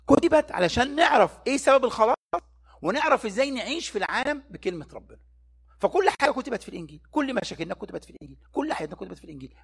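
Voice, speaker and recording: With an Egyptian Arabic accent and a high-pitched, somewhat rough voice, this man leads a Bible study sermon. He keeps throwing rhetorical questions at the audience, only to supply the answers on his own.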